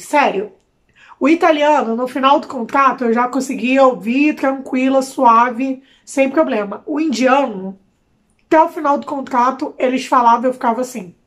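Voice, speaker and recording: A young woman from Brazil chats to camera in a high, bright-pitched voice, with a Brazilian Portuguese accent. She is expressive and talkative, dropping slangy asides as she goes. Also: moderate pace. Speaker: vlogger. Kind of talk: casual chat to camera.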